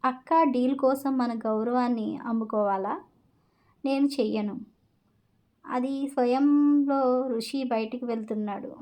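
A woman's voice: on the high side, steady tone, unhurried, long pauses, mellow, natural voice. A woman reading as a cold proud young businessman. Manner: cold, clipped.

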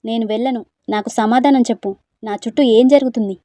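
A woman voicing a suspicious young woman who loudly accuses her cousin. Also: on the high side, fairly even intonation, a little fast, dry recording, natural voice. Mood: accusing. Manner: accusing, raised voice.

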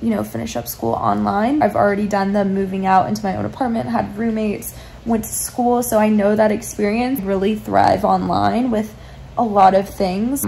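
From her bed, a woman in her twenties vlogs into a phone camera at arm's length, chatting softly and reflectively about her life in a meandering, confessional way. Her voice is mid-range and creaky, and the rough recording has a little hiss or hum.

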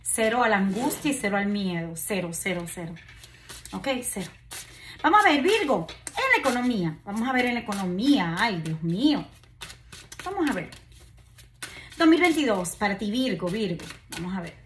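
A woman's voice: mid-range voice, sing-song, moderate pace, a bit bright, a little hiss or hum. Brief: woman, 40s, tarot reader, chatty and reassuring, filmed on a phone at a table indoors. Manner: chatty, reassuring, many fillers and "¿verdad?" asides. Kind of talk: casual tarot reading to camera. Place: decorated indoor room at a table.

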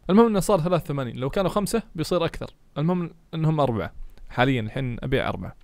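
Man, fast game commentary over loud music, slightly high voice, excitable. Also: no room sound. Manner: excitable, cursing at enemies, cheering allies. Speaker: gaming YouTuber. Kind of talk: let's-play commentary. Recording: music playing behind.

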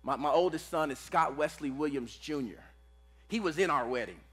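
A pastor preaching to a live church congregation. He is casual and energetic, and he uses slang and repeats his phrases. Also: a little high, normal speed, husky.

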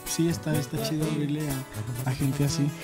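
A nineteen-year-old Mexican man from a band, answering studio interview questions into a handheld mic in a relaxed, halting way. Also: fairly high pitch, over music. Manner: relaxed, halting, many fillers. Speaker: band member, guest.

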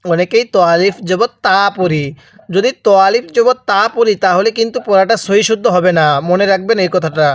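With a Bangladeshi Bengali accent, a man teaches Quran reading, patiently drilling letter sounds syllable by syllable so listeners can repeat after him in a slow call-and-repeat lesson. His voice is high-pitched, his pace normal, and the recording dry.

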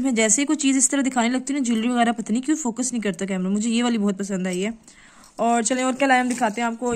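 A bright-voiced young mother from Pakistan films a casual show-and-tell vlog indoors at home on a handheld phone camera. Her voice sits on the high side, and she's lively and coaxing, talking to her children as she records.

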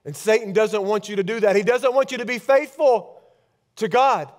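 A pastor in his thirties preaches on a large church stage through a headset mic, his voice high-pitched and at normal speed. He swings from loud bursts to hushed lines.

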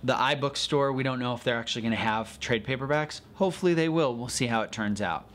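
A man's voice: mid-range voice, fast. Male podcast co-host, easygoing explainer, talking from inside a shop. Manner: relaxed, explanatory, with many fillers and restarts. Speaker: podcast co-host reviewing comic apps. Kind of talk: casual chat. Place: comic store, indoors.

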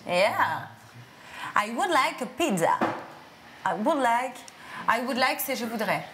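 A woman housemate slowly repeating phrases as she practices, with a giggly manner. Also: on the high side, animated, noisy background. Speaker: reality show housemate. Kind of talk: casual language practice.

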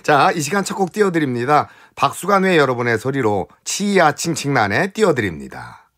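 A man's voice: mid-range voice, very animated, normal speed, fairly bright tone. A middle-aged man, a folk singer, co-hosting a radio show in a playful, folksy way. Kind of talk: scripted radio chat and comic skit.

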